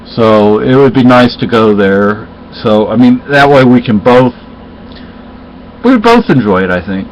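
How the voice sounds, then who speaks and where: This storyteller is a rambling middle-aged man from Spain whose first language is Spanish. Chatting casually, he speaks at medium pitch with an expressive delivery, stopping and starting again many times. There's a little background noise on the dull, lo-fi track.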